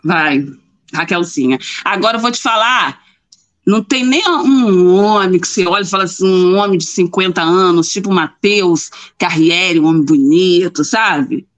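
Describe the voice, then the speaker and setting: A woman's voice: fairly low pitch, moderate pace. A woman commenting on a live show in casual chat, emphatic and repeating herself for effect.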